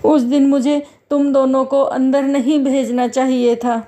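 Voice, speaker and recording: Pitched high and delivered flatly at an unhurried pace, a woman's warm voice plays a middle-aged male security guard in a spoken story. She gives him a bantering, fatherly manner, and the mood is remorseful throughout this piece of storytelling voice acting.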